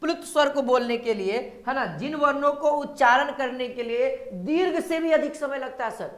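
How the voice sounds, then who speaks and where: A woman's voice: high-pitched, normal speed. A woman teaching a grammar lesson for exam prep, often repeating her points and calling viewers sir and brother. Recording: echoey room.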